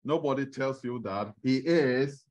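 A middle-aged preacher delivers a sermon in a church meeting room, unhurried, pausing to ask the congregation questions. His mid-range voice has a darkish tone, picked up by a distant camera at the back of the room.

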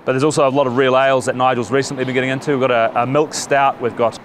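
A man who works at a brew bar, talking upbeat in a documentary interview and listing things quickly. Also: mid-range voice, level tone, slight background noise. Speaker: brewery staff member.

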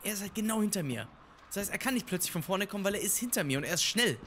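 A young adult gamer giving excitable, swearing horror-game let's play commentary to viewers, yelping at the scares. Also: mid-range voice, rapid-fire, slight background noise.

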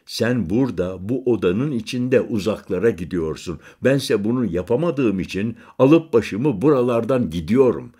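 A man's voice: fairly low pitch, lively intonation, normal speed, hardly any pauses, warm tone, slightly rough. A man voicing a weary, brooding former prisoner and hunter who speaks in a hesitant, subdued way. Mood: somber.

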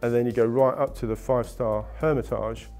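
This is a middle-aged man appearing as a travel company guest, pitching ski holidays with enthusiasm while answering interview questions and frequently starting again. His voice is medium in pitch, steady, a little mellow and at normal speed, with soft music in the background. The setting is an indoor studio with wooden walls.

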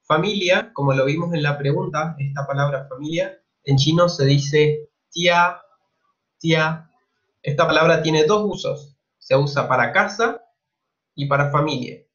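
A man with a Chilean accent teaching a Mandarin lesson online, speaking slowly and patiently and repeating each new word twice. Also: on the high side, fairly bright tone, highs cut off.

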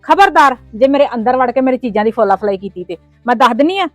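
High, fast, quarrelsome Punjabi woman. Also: lively intonation, no echo, faint music behind. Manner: quarrelsome, scolding, sarcastic. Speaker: sister-in-law in a family skit. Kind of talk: scripted family drama acting.

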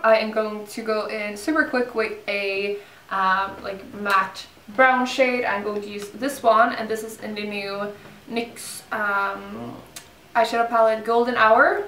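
In a spacious indoor room arranged as a filming backdrop, a young adult woman, a beauty vlogger, walks through a makeup tutorial in a relaxed, informal way. Her slightly high voice explains each step casually and unhurriedly while soft music plays. The mic sits a little distant, giving a roomy sound.

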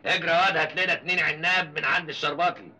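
A man's voice: a little high, fairly even intonation, racing, sharp tone, poor audio. An actor playing an older neighborhood strongman and father, speaking with an Egyptian accent, hearty and commanding. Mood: warm. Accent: Egyptian Arabic.

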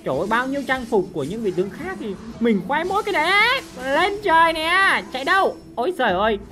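A woman commentating on her own gameplay, excitable and full of loud, repeated exclamations. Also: fairly high pitch, racing. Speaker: game streamer. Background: game music and sound effects.

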